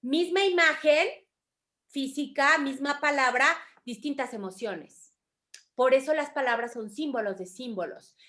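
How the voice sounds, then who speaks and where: Woman, Mexican accent, teacher, high voice, animated, expressive, warmly addressing students. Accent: Mexican Spanish. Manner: animated, acts out quoted voices, calls students affectionately. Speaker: spiritual study group teacher. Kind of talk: teaching a course in an online group class.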